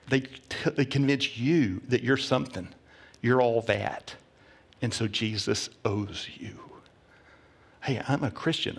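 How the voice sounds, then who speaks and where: A male pastor delivering a sermon, telling a story with emphatic repetition and sometimes dropping to a hushed whisper. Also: medium pitch, vocal fry.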